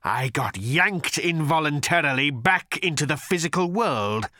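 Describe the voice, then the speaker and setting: A man's voice: fairly high pitch, lively intonation, pushed and bright, no echo, studio quality, voice pushed up. Man voicing Agrajag, a snarling vengeful creature. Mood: menacing. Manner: snarling, hissing, slow and menacing. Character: bitter vengeful male creature, waddling, hateful. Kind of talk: audiobook character voice.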